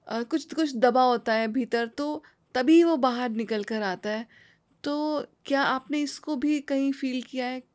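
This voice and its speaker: एक महिला interview host, भारतीय लहजे में, रुक-रुककर सोचते हुए सवाल पूछती है।. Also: female voice, on the high side, darkish tone. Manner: slow, thoughtful, hesitant with fillers. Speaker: interviewer host. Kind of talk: interview questions.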